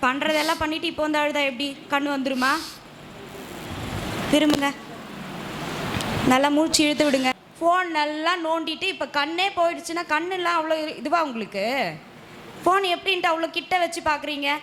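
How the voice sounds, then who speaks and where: A woman's voice: high voice, fairly quick, long pauses, background noise, natural voice. A woman playing a stern doctor who scolds a boy and his mother with sarcasm in a church youth skit. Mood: scolding.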